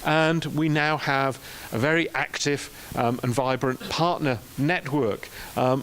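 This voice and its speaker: A man giving a measured conference presentation, often pausing with ums. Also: mid-range voice, a bit bright, a little hiss or hum.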